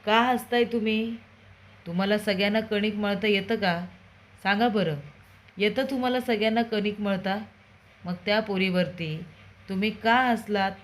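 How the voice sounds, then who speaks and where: A woman's voice: medium pitch, fairly even intonation, moderate pace, natural voice. A woman reading the lines of a stern, angry father who grills his family. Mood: scolding. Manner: demanding, interrogating.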